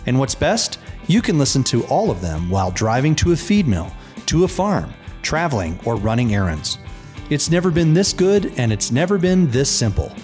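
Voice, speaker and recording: A man's voice: medium pitch, sing-song, normal speed. A man reading a polished, upbeat scripted promo as the show's announcer. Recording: soft guitar music underneath.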